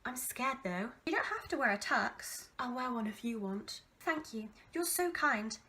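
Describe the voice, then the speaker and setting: Bright, higher-pitched young English woman. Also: measured pace. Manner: animated, self-mocking, theatrically exasperated. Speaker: vlogger reading her old teenage diary. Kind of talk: casual diary reading with asides.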